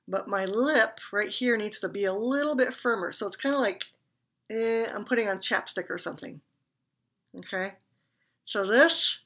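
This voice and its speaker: A woman gives a beginner clarinet lesson with a bright, clear tone. Her delivery is friendly and chatty, and she laughs at her own slips as she demonstrates. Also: medium pitch. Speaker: clarinet teacher. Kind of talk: instructional demonstration.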